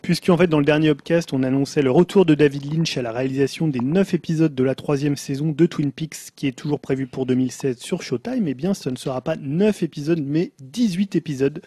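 A man co-hosting a film podcast with a mellow, husky voice. He gives the news steadily and without hurry. The sound is dry and close. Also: fairly high pitch, fairly quick, few pauses, no echo. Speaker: podcast co-host. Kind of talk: casual film news chat.

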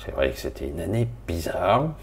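A man's voice: low voice, very animated, normal speed, slight background noise. A middle-aged man from Marseille, rambling casually and colloquially to viewers of his spiritual live stream. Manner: rambling, colloquial, swears, talks to viewers directly.

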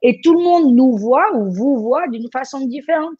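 A woman's voice: sits high, animated, moderate pace, dark tone, husky, no echo, muffled recording. A woman from France coaching someone live, speaking directly and encouragingly with frequent restarts.

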